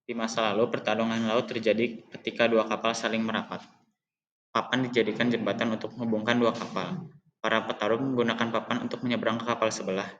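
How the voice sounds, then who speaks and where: A man's voice: on the low side, little pitch movement, fast talker, fairly bright tone, dull audio, slight background noise. A teenage boy reading a school presentation from his notes, with small slips and restarts along the way. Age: teens. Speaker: student presenter.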